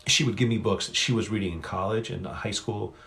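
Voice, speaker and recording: Speaking a little fast in a fairly low, slightly bright voice, a middle-aged author runs a casual solo livestream Q&A. He rambles chattily and often corrects himself, recorded on a phone placed on a stand.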